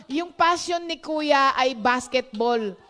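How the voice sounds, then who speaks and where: A woman's voice: high-pitched, expressive, slow pace, a bit bright. A Filipino woman preaching in a casual, chatty devotional talk, laughing often and mixing English phrases in.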